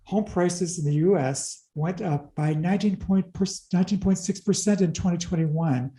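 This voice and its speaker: A man explaining real estate figures in an interview, talking fast through the numbers with wry asides. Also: sits high, warm tone, roomy sound, low-quality recording. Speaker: commercial real estate advisor.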